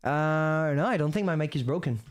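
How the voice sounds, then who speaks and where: Over a noisy, glitchy mic that keeps cutting out, a young French gaming streamer with a French accent talks casually to viewers, rambling and muttering to himself. His voice is a little high and his delivery brisk.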